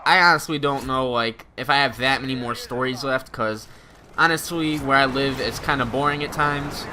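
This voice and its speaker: A man in his twenties recounting high school stories over gameplay commentary, animated and slangy, laughing as he goes. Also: background noise. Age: 20s. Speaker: gaming channel host.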